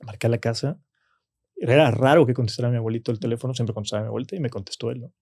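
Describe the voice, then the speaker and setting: A man with a Mexican Spanish accent tells personal stories in a dark, mellow voice. He talks loosely, leans on "¿no?" and "o sea", and slips into the voices of people he quotes. The recording is dry and close. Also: medium pitch, steady tone, racing, slightly rough, no echo. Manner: frequent "¿no?" and "o sea" tags, acts out quoted voices. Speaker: podcast guest. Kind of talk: casual conversational storytelling.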